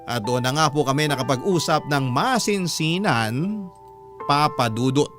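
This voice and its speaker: Man, letter narration, slightly high voice, clear music bed behind. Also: a little slow. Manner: steady first-person storytelling addressed to the host. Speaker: letter reader. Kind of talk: scripted radio narration. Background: background music.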